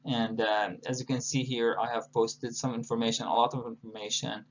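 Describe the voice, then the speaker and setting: A middle-aged man from Palestine, a university instructor, giving a recorded online lecture in a measured way with many filler pauses. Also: mid-range voice, level tone. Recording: dull lo-fi audio.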